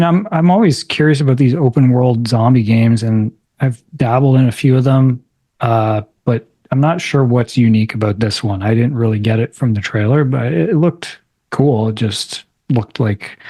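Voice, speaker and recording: A man's voice: mid-range voice, normal speed, warm tone, husky, dry recording. A man co-hosting a gaming podcast, speaking casually in a hesitant, hedging way. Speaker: podcast co-host. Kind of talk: casual chat.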